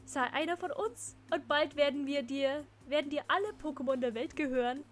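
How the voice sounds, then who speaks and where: A woman's voice: sits high, fairly even intonation, fairly quick, soft background music, lightly acted. A woman hamming up a flamboyant male villain boss. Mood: theatrical coaxing. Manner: sing-song, rhyming, coaxing. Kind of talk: reading game dialogue aloud.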